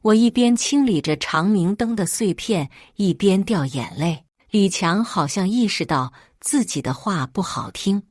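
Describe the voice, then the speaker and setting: A woman narrating a dramatic first-person story in an emotional, expressive way. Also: mid-range voice, unhurried, few pauses, dry recording, clean studio sound.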